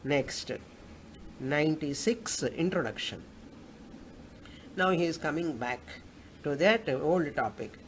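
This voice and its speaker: Slow and given to frequent pauses, a slightly high male voice with lively intonation leads a Vedanta scripture class in a South Indian accent. He chants Sanskrit verses and explains by raising his own questions and answering them, over clear background noise.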